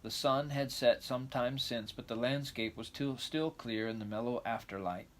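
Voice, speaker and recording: A man's voice: medium pitch, normal speed. A man narrating a novel as a storyteller, now and then stumbling over a word and correcting himself.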